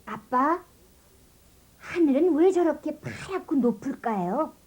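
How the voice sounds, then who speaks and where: A woman voicing a bold, kind, curious young boy in an animated storybook, asking eager childlike questions. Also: high-pitched, slow pace. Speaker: voice actor for the child lead.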